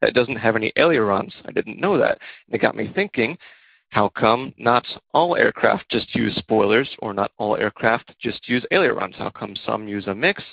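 A man's voice: lowish voice, moderate pace, gravelly, breathy edge, no room sound. A man from Maryland leaving a polite, curious voicemail question for a podcast. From Maryland, USA. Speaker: caller. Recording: dry, dull lo-fi phone message.

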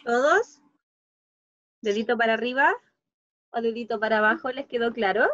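A woman teaching a young class online with a Chilean accent, saying words slowly and clearly for children. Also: fairly high pitch, fairly bright tone, dry recording. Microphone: video call. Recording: dull lo-fi video call audio.

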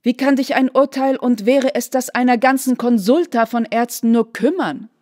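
A woman's voice: on the high side, moderate pace, darkish tone, close to an everyday voice. A woman voicing a stern, shocked noble mother who exclaims indignantly in a literary reading.

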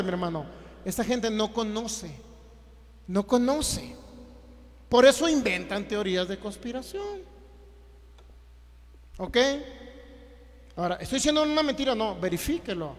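A man delivers a Bible teaching in a strikingly high voice. He is emphatic, repeats his points and keeps asking his listeners rhetorical questions. The sound carries a long, lingering hall reverb. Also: expressive, measured pace, pauses often. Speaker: preacher.

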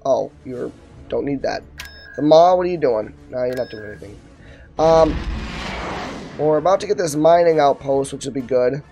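A young man gives casual commentary over a game he is playing. His voice sits a little high, and he thinks aloud with muttered asides. Faint music runs underneath. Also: dark tone. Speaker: gaming video host. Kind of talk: casual let's-play commentary.

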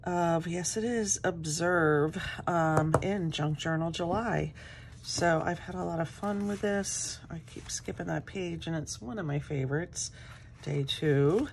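Middle-aged woman, craft room chat, low pitch, rambling, casual, morning voice. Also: a little slow, gravelly, a little hiss or hum. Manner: chatty, rambling, talks while working. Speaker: craft channel host.

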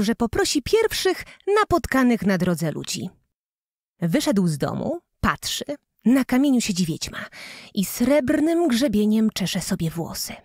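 Expressive woman reading a fairy tale. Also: on the high side, no room sound, clean studio sound. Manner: expressive, playful storytelling. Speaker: storyteller. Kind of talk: fairy tale read aloud.

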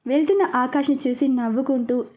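A woman narrating a serialized romance story with a steady, expressive reading. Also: high voice, a little fast.

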